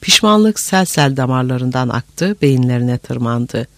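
A man's voice: medium pitch, animated, vocal fry, dry recording. Man narrating a dramatic audiobook. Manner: dramatic, measured storytelling. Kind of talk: audiobook narration of a historical novel.

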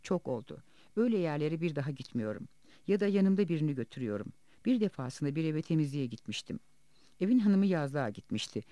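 A bitter, wounded woman cleaner tells her story quietly, voiced by a man reading an audiobook. The voice sits fairly high with a mellow tone, and the pitch moves a lot. The sound is dry and close. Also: sing-song, fairly quick, dry recording. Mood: grim.

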